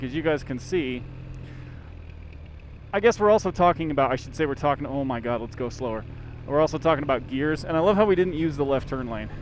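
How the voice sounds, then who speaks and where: Male moto-vlogger, medium pitch, heard inside a helmet with some vehicle noise; off-the-cuff, chatty, lightly sweary. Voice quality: voice enclosed inside a motorcycle helmet. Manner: informal, self-interrupting, mildly sweary. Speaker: motorcycle vlogger. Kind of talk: casual rambling vlog while riding. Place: outdoors, riding a motorcycle in traffic. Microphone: microphone inside a helmet.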